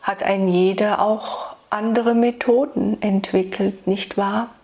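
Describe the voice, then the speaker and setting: Very slow, soothing woman guiding meditation. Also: medium pitch, fairly even intonation, darkish tone. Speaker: spiritual meditation guide delivering channeled messages. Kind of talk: guided meditation and spiritual address.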